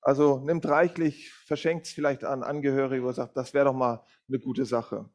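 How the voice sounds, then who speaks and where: A man's voice: medium pitch, little pitch movement, moderate pace, darkish tone. A middle-aged man preaching a sermon in an informal way, with many fillers and self-corrections. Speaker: guest preacher from a Bible school. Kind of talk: sermon with a read-aloud story.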